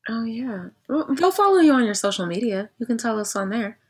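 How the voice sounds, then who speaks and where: A woman's voice: on the high side, very animated, a little fast, slightly rough. A young woman hosting a podcast in casual chat, upbeat and slangy. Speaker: podcast host.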